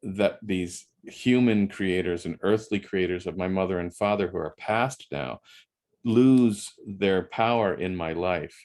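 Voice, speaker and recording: A man with a deep, darkish voice talks at a measured pace. He's hosting a casual interview chat, speaking reflectively and repeating words while he searches for the right ones.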